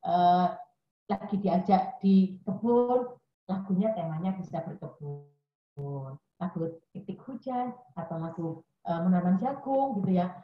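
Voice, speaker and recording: A woman's voice: fairly low pitch, expressive, measured pace. A woman educator giving a chatty parenting webinar talk to mothers, with many fillers. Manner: chatty, addresses listeners as Bunda, many fillers. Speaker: early childhood educator speaking to parents. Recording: dull, echoey room audio.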